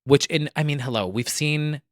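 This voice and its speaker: A man co-hosting a casual pop culture podcast, talking excitably and emphatically, with lots of "like" and swearing. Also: on the high side, moderate pace, no echo, clean studio sound. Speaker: podcast co-host.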